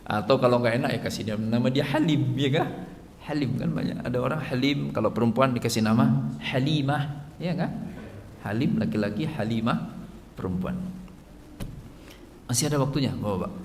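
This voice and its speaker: A man giving a casual sermon and Quran lesson to fathers, animated and joking, acting out little dialogues. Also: medium pitch, moderate pace, long pauses. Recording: reverberant hall with faint ambient noise.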